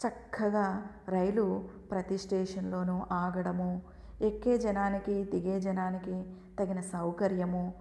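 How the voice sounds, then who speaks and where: A woman reading a story aloud, telling it in an expressive first-person way. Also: medium pitch, slow pace, gravelly. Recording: echoey room with long reverb.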